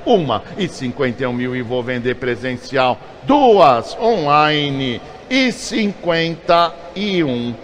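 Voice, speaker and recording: An auctioneer with a mid-pitched voice rattles off bids in quick repeated bursts. Faint ambient noise sits underneath his calling. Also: a bit bright. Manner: rapid repetitive bid calling.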